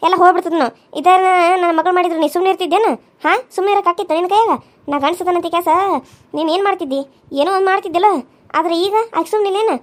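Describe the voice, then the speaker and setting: Woman doing a furious cartoon mother-in-law, scolds fast. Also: high-pitched, close to an everyday voice. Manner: scolding, reproachful. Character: angry older mother-in-law scolding her son-in-law.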